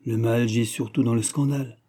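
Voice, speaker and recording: A man's voice: medium pitch, steady tone, moderate pace, mellow, natural voice. A man voicing a cold, manipulative young man in an audiobook, speaking curtly and with irony. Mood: cutting. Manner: curt, ironic.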